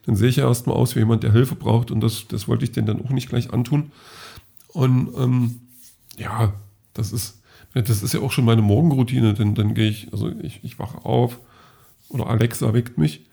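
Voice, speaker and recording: A man's voice: medium pitch, fairly even intonation, normal speed, creaky, dark tone. A man casually telling about his day in a rambling vlog monologue, correcting himself often. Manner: rambling, self-correcting, many fillers. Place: at home.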